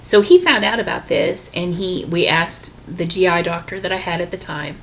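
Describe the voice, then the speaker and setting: A woman telling her own story to camera, candid, with frequent pauses and restarts. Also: on the low side, sing-song, creaky, fairly bright tone, a little hiss or hum, rough recording. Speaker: vlogger sharing her illness story.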